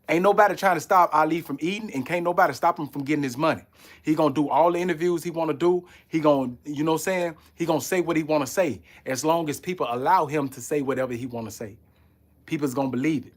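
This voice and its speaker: A Haitian-born man hosting a live podcast stream in a slightly high voice. He talks in a loose, rambling street style, circling back with "you know what I'm saying.". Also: fast talker. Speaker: podcast host. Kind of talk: casual live-stream talk.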